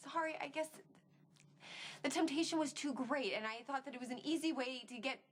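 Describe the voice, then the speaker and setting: A woman's voice: sits high, a little fast, lightly acted. An actress playing a desperate, obsessive woman doctor who pleads intensely in a soap opera. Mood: defensive. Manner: pleading, intense, breathy urgency. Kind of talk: soap opera dramatic acting.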